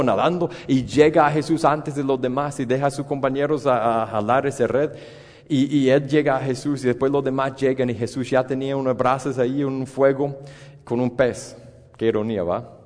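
A man's voice: medium pitch, darkish tone. A man preaching a sermon, retelling a Bible story with many restarts and repeated words and putting questions to the listeners. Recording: long hall reverb.

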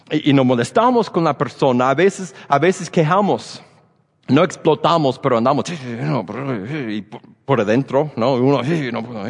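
A man preaching a sermon, often repeating and restarting words as he works through his points, sometimes acting out outbursts. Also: mid-range voice. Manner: halting and repetitive, restarting words, rising to acted outbursts. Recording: long hall reverb.

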